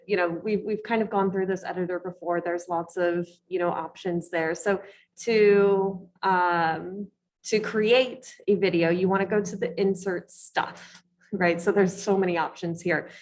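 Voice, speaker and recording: A woman co-presenting a teaching workshop in a casual live software demo, chatty and full of ums and you-knows, heard over a video call. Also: on the low side, steady tone, unhurried. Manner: chatty, many fillers like um and you know.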